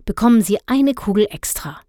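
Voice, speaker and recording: A woman voicing a calm, polite male ice cream seller who speaks courteously. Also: mid-range voice, normal speed, no echo, studio quality, close to an everyday voice. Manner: courteous, soothing.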